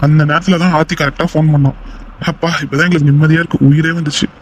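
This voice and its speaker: A young man voicing excitable young men in a homemade cartoon, loud and teasing. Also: fairly high pitch, fast talker, a little hiss or hum, close to an everyday voice. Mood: relieved chatter. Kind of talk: amateur cartoon voice acting.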